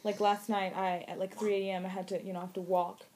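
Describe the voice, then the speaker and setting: A woman's voice: medium pitch, flat delivery, fast, a little mellow. A woman giving a casual, rambling post-surgery update in a conversational way, peppered with filler likes. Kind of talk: casual chat to camera.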